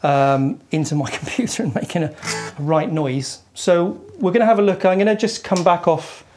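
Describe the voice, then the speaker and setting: A man's voice: high-pitched, moderate pace, a little mellow. A man co-hosting, explaining guitar gear in a loose, casual way with lots of fillers and restarts. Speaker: co-host demonstrating guitar gear. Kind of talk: casual chat with a gear demo. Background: faint guitar playing.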